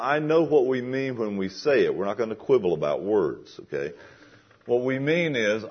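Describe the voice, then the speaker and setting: A man's voice: fairly low pitch, slightly rough, muffled recording. A man preaching a sermon in a conversational way that builds to emphatic questions.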